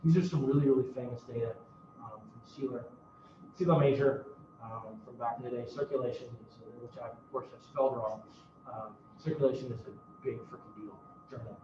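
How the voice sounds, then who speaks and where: A man's voice: medium pitch, normal speed, background noise. A man lecturing a university class in a casual, self-mocking way, swearing now and then. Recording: roomy, distant, dull classroom recording.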